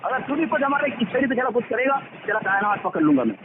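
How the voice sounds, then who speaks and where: A man's voice: very high voice, sing-song, fast. A man in a heated religious phone debate, delivering preachy, scolding rebukes. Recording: tinny phone line with background noise.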